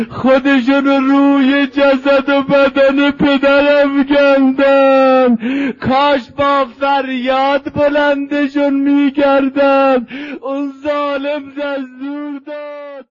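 A man's voice: extremely high pitch, lo-fi sound. A man performing a mournful religious recitation, half spoken and half chanted, his voice turning tearful and plaintive.

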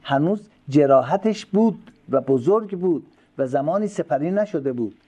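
A man giving a religious lecture. He recites Arabic phrases slowly, then explains them quickly and asks rhetorical questions. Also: a little high, lively intonation, dark tone, breathy edge. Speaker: preacher explaining a classical sermon text.

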